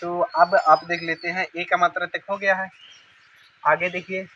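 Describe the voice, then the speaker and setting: High, bright man teaching reading. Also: flat delivery. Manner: sounds out syllables slowly, repeats words for correct pronunciation. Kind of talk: children's reading lesson. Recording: dull lo-fi recording with faint noise.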